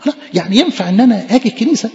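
A man's voice: very high-pitched, animated, very fast, gravelly, dark tone, in a large hall, highs cut off, voice pushed up, exaggerated voice. A man playing an anxious, ashamed churchgoer pleading with his priest, with an Egyptian accent. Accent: Egyptian Arabic.

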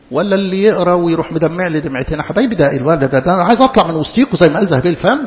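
Egyptian preacher with a high, gravelly voice. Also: male voice. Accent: Egyptian Arabic. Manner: impassioned, rhetorical, questions the audience. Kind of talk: sermon. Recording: echoey hall, dull lo-fi sound.

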